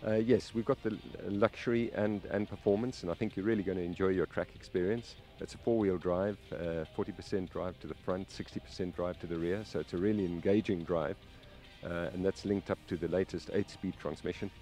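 A man engineer answering interview questions outdoors at a race track, measured and hesitant. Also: low voice, fairly even intonation, mellow, faint music behind. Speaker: automotive engineer.

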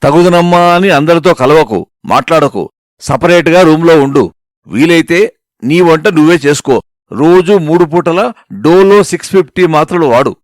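A man's voice: fairly high pitch, normal speed, no room sound, natural voice. Lecturing buddy full of free advice, read by a male narrator, dry sound. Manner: lecturing, know-it-all. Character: bossy advice-giving male friend on phone.

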